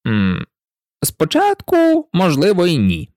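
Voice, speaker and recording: A reader voicing an eccentric, mournful male hatter in a storybook, rambling and excitable, with frequent hesitations. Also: medium pitch, slow, no room sound, clean studio sound, pitched above the performer's own voice. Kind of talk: storybook reading.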